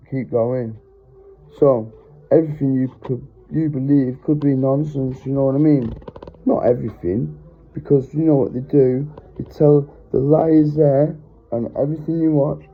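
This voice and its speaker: Gravelly man preaching over phone audio. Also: medium pitch. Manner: rambling, heartfelt, restarts and apologizes often. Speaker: religious vlogger. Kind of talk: earnest preaching monologue. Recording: tinny phone-line sound.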